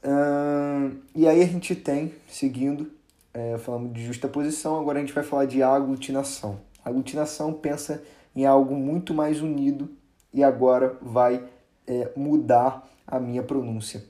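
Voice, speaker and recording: A man teaching a casual grammar lesson, chatty and relaxed, with many fillers and restarts, drawing out example words for emphasis. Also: medium pitch, moderate pace.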